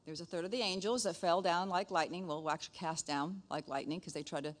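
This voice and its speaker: A middle-aged woman, a pastor's wife, preaching a sermon with animated storytelling and playful asides. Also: lowish voice, fast talker. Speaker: pastor's wife and church leader.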